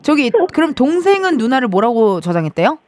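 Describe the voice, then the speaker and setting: A woman in her thirties hosts a radio show from a studio, chatting and teasing a caller in a casual, playful way. Her voice sits a bit high and moves animatedly up and down. The sound is dry and close, with no room echo. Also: very animated, a little fast, a little mellow. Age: 30s. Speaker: radio host. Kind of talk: casual radio phone chat. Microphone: studio microphone.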